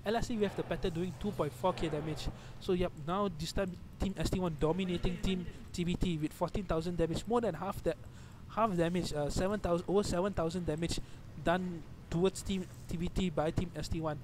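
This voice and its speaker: A young Malaysian-accented man with a high voice commentates a live esports tournament for his stream. He gets excited fast and often corrects himself mid-phrase, over a constant noisy hum.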